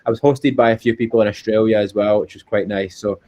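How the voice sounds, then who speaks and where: Interviewed casually over dull, lo-fi call audio, a Scottish endurance cyclist chats earnestly and often repeats himself. His voice is on the low side, steady, fast, and a little mellow.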